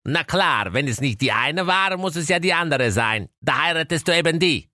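A brusque evil stepmother barks orders in a raised, nagging voice, all bluster and impatience, as a man puts her on. She is the villain of a silly storybook farce, and the sound is dry and lively. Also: fairly high pitch, moderate pace, no room sound, voice pushed up. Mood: gruff. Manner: brusque, shouting. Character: gruff evil stepmother, former shot-putter.

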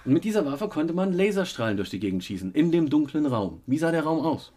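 Husky and congested from a cold, a man with a fairly high voice talks at a quick pace. He's hosting a laid-back family podcast alongside his child, walking through a day out one step at a time with plenty of fillers.

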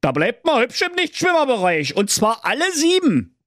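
A man performs a full character voice as a wolf disguised as a lifeguard, barking orders in an officious way. He pushes his voice well above its natural register into an extremely high pitch that swoops wildly, at normal speed with a fairly bright tone. The recording is clean studio sound with no room echo.

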